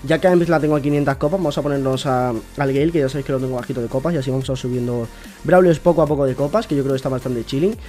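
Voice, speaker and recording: A young man, chatting excitedly to viewers while opening game rewards. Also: medium pitch, rapid-fire, soft background music. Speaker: gaming YouTuber. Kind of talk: casual gameplay commentary.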